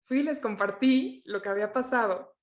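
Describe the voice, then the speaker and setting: A woman's voice: a little high, normal speed. A young adult woman, sharing a personal testimony in earnest, searching storytelling that often restarts its sentences. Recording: echoey room.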